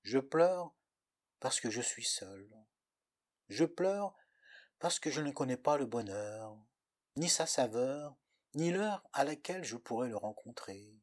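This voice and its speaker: A man's voice: medium pitch, animated, normal speed. A man narrating a poetic story in the first person with a dramatic, lyrical delivery.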